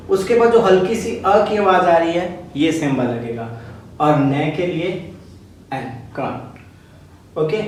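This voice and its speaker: A man's voice: high-pitched, recorded from a distance, a little hiss or hum. A male teacher patiently explaining phonetic symbols step by step, often checking in with the class. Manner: patient, repetitive, checks in with "ok, clear?". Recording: very echoey room, voice a bit off-mic.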